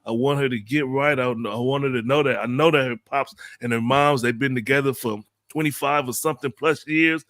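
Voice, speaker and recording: A man co-hosting a casual panel talk show who speaks earnestly and haltingly, with lots of fillers. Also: medium pitch, fairly even intonation, fairly bright tone, dry recording. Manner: earnest, halting, fills with "you know" and "um". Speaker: panel co-host.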